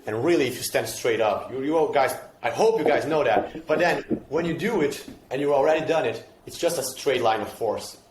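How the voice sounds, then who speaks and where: A man's voice: mid-range voice, fairly quick, few pauses, darkish tone, roomy sound, a little hiss or hum, low-quality recording. A man with a Brazilian accent explaining fitness ideas casually and emphatically, often repeating himself and asking rhetorical questions.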